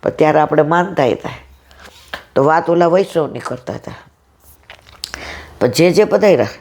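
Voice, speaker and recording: A woman's voice: low-pitched, expressive, normal speed, a little mellow. A woman in her sixties giving a devotional talk at a satsang, telling a story and acting out each person's lines. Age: 60s. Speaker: satsang speaker.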